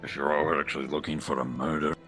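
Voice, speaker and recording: A man playing a gruff veteran inquisitor soldier in an online roleplay, with his voice run through a voice changer. He talks in a laid-back, dry way. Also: level tone, fast talker, fairly bright tone, soft background music. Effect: voice changer lowering the voice. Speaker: roleplay player. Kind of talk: in-character roleplay chat.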